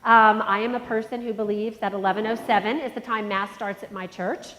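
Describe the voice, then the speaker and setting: This motivational keynote comes from a middle-aged, nasal-voiced woman who recounts a personal story and speaks directly to the audience. Her mid-range voice is fairly even in intonation, brisk and a bit bright, with slight hiss or hum and the long reverb of a large conference hall.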